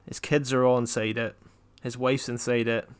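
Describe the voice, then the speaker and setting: A young man from Scotland in casual podcast chat, telling jokes in a flat deadpan way and wandering off on tangents. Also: medium pitch, moderate pace, clean tone. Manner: deadpan, rambling joke-telling. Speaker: podcast co-host.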